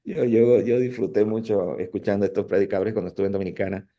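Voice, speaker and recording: A man teaching a university class on preaching, talking in an animated, conversational way with frequent restarts and mock impressions. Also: lowish voice, fast, lo-fi sound. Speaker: preaching professor.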